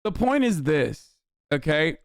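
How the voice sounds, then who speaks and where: A man's voice: on the high side, big pitch swings, takes it slowly, creaky, clean tone, dry recording, clean studio sound. A man in his thirties ranting on a livestream, sarcastic, heated and full of swearing. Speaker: streamer. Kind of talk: livestream reaction rant.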